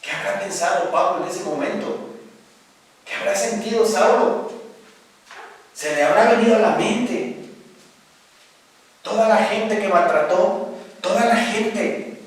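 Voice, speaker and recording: A man's voice: high-pitched, a little slow, long pauses. A man preaching a sermon as a pastor, telling the story dramatically with rhetorical questions and sound effects. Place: church. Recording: very echoey room, voice far from the mic.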